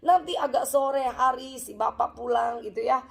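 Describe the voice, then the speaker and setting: A woman's voice: high voice, steady tone, moderate pace, creaky. A woman pastor giving a chatty, story-filled sermon at a church service, with frequent asides to the congregation.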